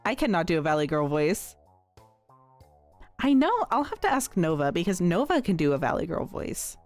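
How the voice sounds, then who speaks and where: A woman's voice: on the low side, moderate pace, soft background music. A woman streamer giving casual, giggly commentary while playing a story game. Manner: giggly, animated.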